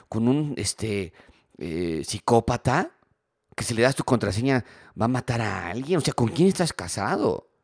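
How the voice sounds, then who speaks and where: Man preaching, low dry voice. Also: dry recording. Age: married adult. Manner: animated, acts out quoted spouses. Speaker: pastor. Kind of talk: sermon.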